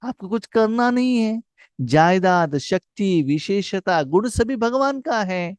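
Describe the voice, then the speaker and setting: Slow, lively spiritual teacher, man. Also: sits high, clean tone, dry recording. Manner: slow, emphatic, repeats key phrases, mixes in English words. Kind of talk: devotional class talk.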